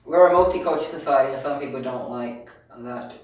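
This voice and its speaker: A man's voice: medium pitch, fast talker, darkish tone, slight background noise. A British man co-hosting a podcast, arguing his points in a rambling, repetitive way during a casual debate. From Britain. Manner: rambling, argumentative, repeats himself. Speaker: podcast co-host. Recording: very echoey room, distant mic.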